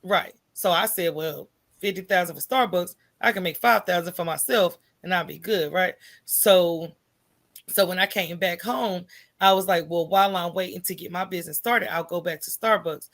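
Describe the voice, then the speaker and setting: With a voice on the low side and a normal speaking speed, this American woman appears as a podcast guest. She's candid and animated, telling stories colloquially and frequently asking "right?".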